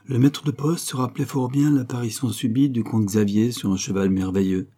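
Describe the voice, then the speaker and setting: Guy reading an audiobook, calm measured narration, dark mellow husky voice. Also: mid-range voice. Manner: steady, measured literary reading. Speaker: audiobook reader. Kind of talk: scripted narration.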